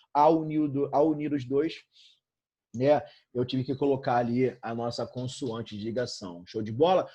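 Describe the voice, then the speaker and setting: This Brazilian man speaks with a Brazilian Portuguese accent in a medium-pitched, dark, slightly rough voice. He runs an upbeat grammar lesson, constantly checking on his students and calling them "irmão" and "galerinha."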